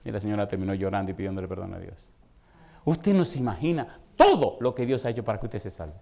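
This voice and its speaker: A man preaching a sermon as pastor, telling a story and swinging from low murmurs to loud, high outbursts. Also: lively intonation, fast, gravelly. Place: church.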